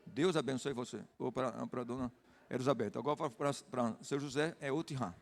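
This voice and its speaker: A man's voice: medium pitch, fairly quick, in a large hall. An older Brazilian man, a pastor, teaching a Bible study and greeting people in the congregation by name. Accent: Brazilian Portuguese. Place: church hall.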